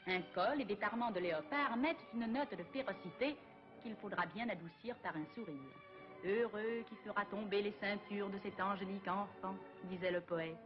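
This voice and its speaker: A woman's voice: mid-range voice, moderate pace. A woman reading scripted 1940s newsreel fashion commentary in an arch, flowery, formal manner. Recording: dull vintage newsreel film soundtrack, loud music. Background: loud music.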